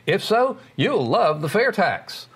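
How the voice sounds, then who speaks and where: A man's voice: high-pitched, big pitch swings, takes it slowly, husky, pitched above the performer's own voice, full character voice. A man doing a slick radio ad announcer. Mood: upbeat pitch. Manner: polished promotional read. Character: smooth male radio ad announcer.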